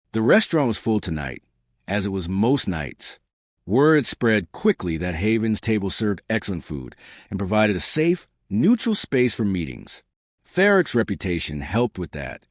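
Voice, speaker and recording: A man narrates a scripted story in a lively manner, raising and shifting his pitch for the characters' quoted lines. The recording is dry and clean, studio-quality.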